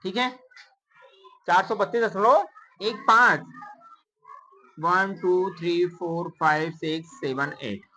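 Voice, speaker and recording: A woman's voice: lowish voice, slow pace, long pauses, sharp tone, rough recording. A woman teacher works through a lesson in a classroom, counting digits one by one and repeatedly asking her pupils to answer. She coaxes them patiently and switches freely into English number words. A faint hum of noise sits behind her voice. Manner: counts digits aloud and quizzes students with repeated questions; calls pupils "beta" in a coaxing tone. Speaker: math teacher.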